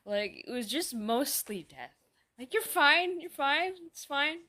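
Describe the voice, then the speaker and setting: A woman acting out comedy sketches, swearing casually and bantering in a deadpan way. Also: sits high, measured pace. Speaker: sketch comedy creator playing all roles.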